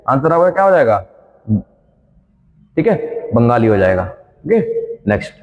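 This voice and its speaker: An exam coaching teacher with a somewhat high voice conducts a quiz-style revision lesson, reading each question and its choices aloud, repeating it, and then supplying the answer. The audio is dull, with a long hall-like reverb.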